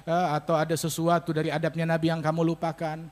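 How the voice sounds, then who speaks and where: A man preacher voicing a humble religious scholar who quietly questions and advises. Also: on the high side, completely flat delivery, quick pace, close to an everyday voice. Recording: echoey hall reverb.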